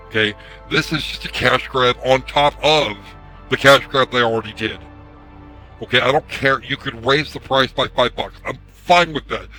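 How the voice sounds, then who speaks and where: A hoarse man ranting casually on a live stream through a headset mic, his voice run through a voice changer, irritated and swearing as he repeats himself. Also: medium pitch, sharp tone. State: hoarse from screaming. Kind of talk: ranting livestream commentary.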